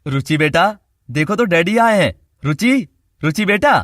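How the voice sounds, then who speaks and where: A man voicing a gentle, soft-spoken father in an audio drama. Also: mid-range voice, normal speed, slight background noise, close to an everyday voice. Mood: coaxing. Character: gentle wounded father, a doctor.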